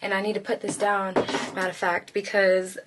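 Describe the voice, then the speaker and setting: A woman's voice: medium pitch, monotone, a little fast, noisy background. Breathless lady vlogging on her phone at home, just rambling and joking at herself. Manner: chatty, rambling, self-teasing. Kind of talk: casual chat to camera. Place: home office indoors. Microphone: phone camera.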